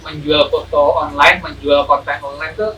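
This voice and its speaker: A man's voice: a little high, steady tone, normal speed, sharp tone. A man explaining things casually as an interview guest, hesitant and repeating words, slightly muffled by a face mask. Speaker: photography teacher, interview guest. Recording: distant mic, faint room noise.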